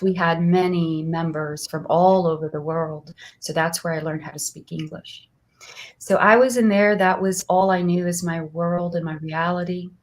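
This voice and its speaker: A woman, an astrologer guest telling her story in an earnest, soft-spoken way. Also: fairly low pitch. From Brazil. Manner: soft-spoken, earnest, laughs often, frequent restarts. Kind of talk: warm personal interview storytelling.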